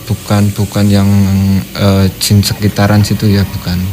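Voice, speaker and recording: A man recounting his experience as a show guest, conversational and halting, repeating himself. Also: on the low side, completely flat delivery. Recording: music behind voice.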